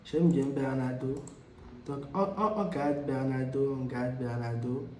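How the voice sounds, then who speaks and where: Mellow-voiced man explaining in an echoey room. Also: mid-range voice, steady tone, a little slow, a little hiss or hum. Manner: explanatory, with frequent hesitations and repeats. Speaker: tutorial host. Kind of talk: screen-recorded software tutorial.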